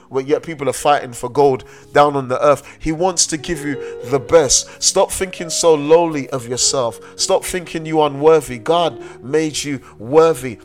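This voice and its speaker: A male preacher with a slightly raised pitch delivers a sermon in an emphatic style. He circles back to key phrases and stretches out the words he wants to land. Soft instrumental music plays faintly underneath.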